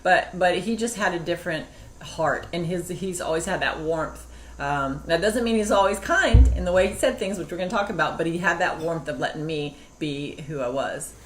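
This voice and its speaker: Chatty and full of stories, this middle-aged co-host acts out quotes from people while discussing marriage casually. She speaks at a normal speed with a fairly low pitch, recorded in an echoey room carrying faint ambience.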